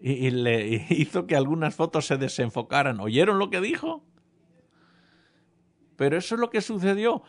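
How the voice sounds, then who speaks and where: A man's voice: on the high side, sing-song, moderate pace, long pauses. A man preaching a sermon, telling a humorous personal story and speaking directly to the congregation. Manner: humorous storytelling, addresses audience.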